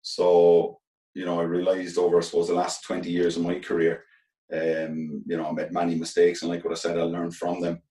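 A middle-aged man with a Galway accent from the west of Ireland, speaking earnestly and haltingly as an interview guest. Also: low voice, monotone, warm tone, far from the mic. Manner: earnest, halting, repeats phrases as they think aloud. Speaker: interview guest, former professional footballer turned coach. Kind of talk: reflective interview talk. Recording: echoey room, off from the mic.

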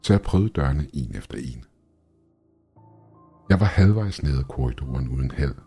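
A man narrating a scripted horror tale in a very low, dark voice. His tone is strongly husky and breathy, and his telling is tense and measured, with faint music underneath. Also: expressive.

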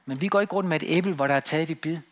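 Male preacher, slightly high voice, emphatic swells and quiet drops, church sermon. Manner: emphatic, rising on key words then dropping to quiet.

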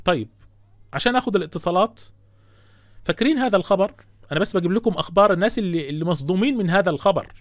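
A man's voice: sits high, lively intonation, rapid-fire, long pauses, no echo, studio quality. A man with an Egyptian Arabic accent hosts a show and gives impassioned religious commentary. He speaks in an indignant, scolding, rhetorical way. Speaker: host taking calls.

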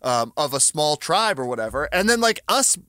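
A young man with a fairly high, bright voice trades flippant, sarcastic banter on a casual podcast. The sound is dry and close, with no room echo. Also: very animated, moderate pace. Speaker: podcast co-host.

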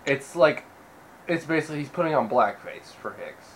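A man's voice: on the high side, expressive, moderate pace, slight background noise, poor audio. A man co-hosting a podcast, talking in a blunt, sarcastic and profane way. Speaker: podcast co-host. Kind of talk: casual chat.

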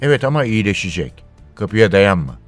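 A man's voice: on the low side, very animated, a little fast, soft background music. A man voicing a soothing eleven-year-old boy. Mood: reassuring. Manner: soothing, matter-of-fact. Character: calm eleven-year-old boy, reassuring his sister. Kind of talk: audiobook-style radio reading.

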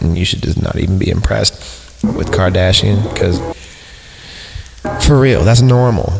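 A podcast host reads a creepypasta horror story aloud over background music, his voice lowish and creaky with a little hiss or hum. He's sardonic, tossing in mocking asides and even reading the punctuation out loud.

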